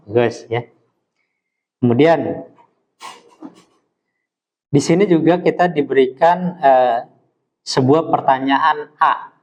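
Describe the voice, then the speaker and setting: A man teaching an Arabic class, patiently modelling pronunciation slowly for his students. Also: on the high side, dull audio. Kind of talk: classroom lesson.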